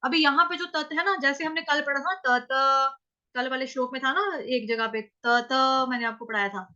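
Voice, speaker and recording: A woman teaching Sanskrit pronunciation, drawing words out syllable by syllable and then explaining quickly. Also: high-pitched, sharp tone, dull audio. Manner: slow, drawn-out syllable-by-syllable recitation alternating with quick explanations. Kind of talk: step-by-step pronunciation lesson.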